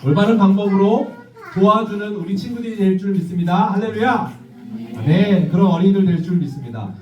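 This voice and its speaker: Man pastor, children's sermon, animated storyteller; distant, dull-sounding mic. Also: high voice, fairly quick. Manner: lively, asks the children questions and acts out voices. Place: church hall. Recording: distant, echoey, dull church recording.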